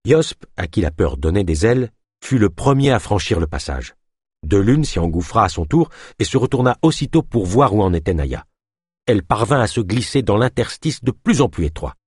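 A man narrating an audiobook in a lively, expressive storytelling manner. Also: lowish voice, normal speed, breathy edge, dry recording, clean studio sound.

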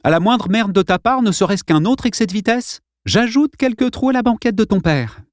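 A man voicing a cool-headed teenage boy who gives orders in a calm, dry, mocking tone. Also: high voice, normal speed, no echo, voice pushed up. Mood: mockingly calm. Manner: calm, dry, quietly commanding.

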